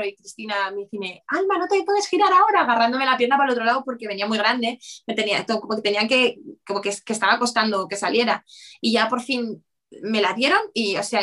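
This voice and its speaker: A woman's voice: a little high, fairly bright tone. A woman, telling a personal story in conversation as an interview guest, rambling with many restarts. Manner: rapid, rambling, full of "o sea" restarts.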